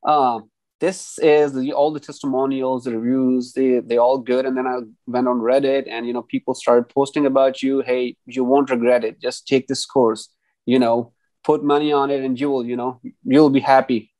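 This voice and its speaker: A Pakistani engineer in his thirties answers interview questions on a video call, hesitating, restarting often, and leaning on "you know." His medium-pitched, darkish voice moves at normal speed with little pitch variation. Speaking through an earphone headset mic in a small room, he sounds dry and close, and the audio is poor.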